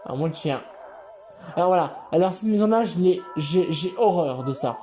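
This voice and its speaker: A man doing let's play commentary, excitable, swearing and yelling at the game. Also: fairly high pitch, moderate pace. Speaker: gaming channel host. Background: game music.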